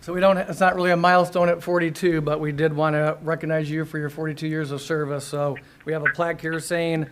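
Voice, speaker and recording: A man's voice: on the high side, level tone, quick pace, few pauses, very noisy. A man in his fifties, a city official, reading out a service plaque in a matter-of-fact way.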